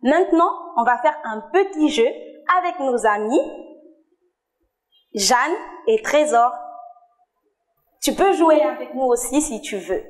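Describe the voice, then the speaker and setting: A woman leads a children's church lesson, calling out words for a sign language game. Her voice sits high, and she speaks very slowly and patiently. She praises the children often and encourages them warmly. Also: animated. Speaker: children's Sunday school teacher. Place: church TV studio.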